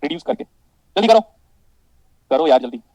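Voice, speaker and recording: A man with an Indian accent lectures a class on electronics, switching between Hindi and English. His voice sits high yet sounds dark and mellow, and the sound is dry and close. He quizzes the students, calls them "beta" and jokes with the class. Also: expressive, moderate pace, no echo, low-quality recording. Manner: calls students "beta" and keeps asking if it is clear. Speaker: electronics teacher.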